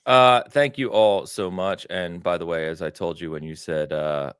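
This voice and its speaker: Deep-voiced American podcast host. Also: male voice, moderate pace, clean tone, no room sound, clean studio sound. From United States. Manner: relaxed, chuckling, thanks viewers. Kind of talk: casual podcast chat.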